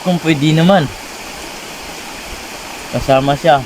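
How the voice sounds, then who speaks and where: A man's voice: fairly high pitch, fairly even intonation, slow, darkish tone, a little hiss or hum, poor audio. A man in a comedy skit, airing his troubles in a mock-sorrowful way. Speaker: comedy sketch performer.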